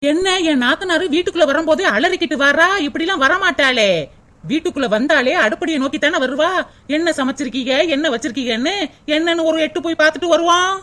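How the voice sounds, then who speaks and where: A woman voicing a sharp-tongued young daughter-in-law in a cartoon, grumbling sarcastic asides. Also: high-pitched, fast talker.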